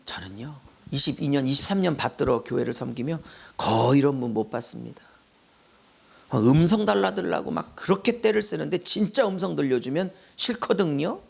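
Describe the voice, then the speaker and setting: A middle-aged male pastor preaching an expository sermon. He moves between loud calls and hushed asides. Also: a little high, creaky.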